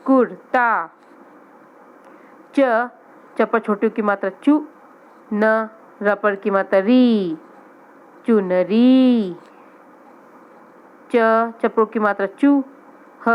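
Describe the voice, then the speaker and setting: A woman teaching young children to read, slowly sounding out each letter and word. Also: mid-range voice, muffled recording. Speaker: primary school teacher. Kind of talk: children's reading lesson.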